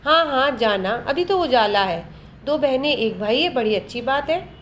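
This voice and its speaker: A flattering, coaxing rich merchant from a children's storybook lesson, as a woman teacher reads him aloud. He repeats his sweet words to keep the listener from leaving. The voice sits fairly high. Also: normal speed, a little hiss or hum.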